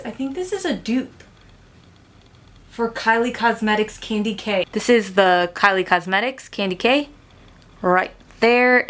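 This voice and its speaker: A young beauty vlogger talks frankly to camera while reviewing cheap makeup, using "like" as a frequent filler. Her voice is medium-pitched with a fairly bright tone.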